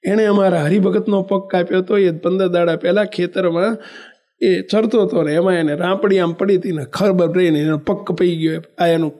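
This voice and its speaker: A man from western India, preaching a devotional sermon as an animated storyteller who acts out the characters' dialogue and chants verses. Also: high-pitched, normal speed. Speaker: religious preacher.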